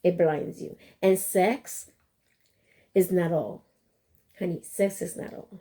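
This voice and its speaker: Animated woman. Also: on the low side, slow pace. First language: Spanish. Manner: animated and expressive, switching between Spanish and English. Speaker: co-host. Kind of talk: casual bilingual chat.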